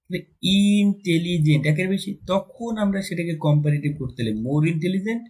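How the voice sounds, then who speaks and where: Male teacher, exam grammar lesson, husky voice, asks then answers his own questions. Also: high-pitched, expressive, mellow, poor audio. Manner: switches between Bengali and slowly dictated English. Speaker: English teacher.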